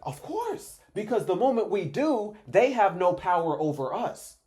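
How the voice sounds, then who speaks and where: A man's voice: high voice, very animated, measured pace, dark tone, husky. A man who is drunk, ranting off the cuff in an emphatic, repetitive, rambling way. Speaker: reaction video host. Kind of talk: impassioned off-the-cuff rant.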